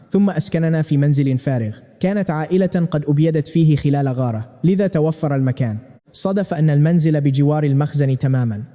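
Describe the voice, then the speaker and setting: A man's voice: fairly high pitch, mellow. A man narrating a story recap in a dramatic, scripted storytelling manner. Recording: long echoey reverb.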